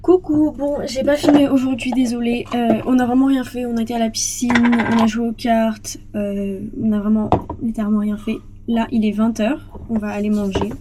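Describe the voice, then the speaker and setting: Bubbly 20-something woman talking to her phone cam, kinda high voice, bit of hiss behind. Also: fairly even intonation, normal speed, few pauses. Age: 20s. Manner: chatty, bubbly, rambling. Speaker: vlogger. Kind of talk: casual vlog chat.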